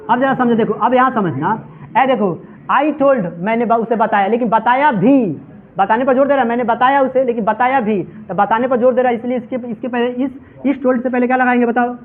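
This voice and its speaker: A man's voice: extremely high pitch, fairly quick. A male English teacher giving a classroom lecture, asking his students question after question and calling them "my children". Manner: repetitive call-and-response questioning. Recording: tinny phone-like audio.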